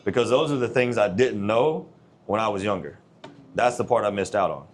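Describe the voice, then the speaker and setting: Blunt, low-voiced man in his forties. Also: expressive, a little fast. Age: 40s. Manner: blunt, earnest, plain-spoken. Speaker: gym owner. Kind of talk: casual interview conversation.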